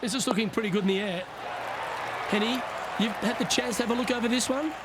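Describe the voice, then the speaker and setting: A man calling golf play-by-play in a smooth, measured broadcast delivery for a video game. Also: very high voice, a loud crowd, heavy background noise. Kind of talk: scripted video game sports commentary. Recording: commentary over game music.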